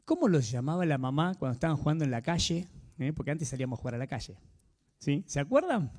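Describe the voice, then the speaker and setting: Male preacher, Rioplatense accent, lively pitch, keeps asking the congregation questions. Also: fast. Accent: Rioplatense Spanish. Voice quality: animated, swinging pitch. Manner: conversational, asks the audience frequent tag questions. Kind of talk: sermon.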